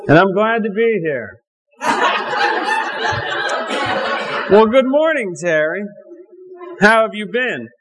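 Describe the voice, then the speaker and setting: Man playing a duck puppet, male, cheeky, wisecracking, high voice, slow drawl. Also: very animated, a crowd in the background. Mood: playful. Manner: playful, wisecracking, folksy. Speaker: puppet in children's message.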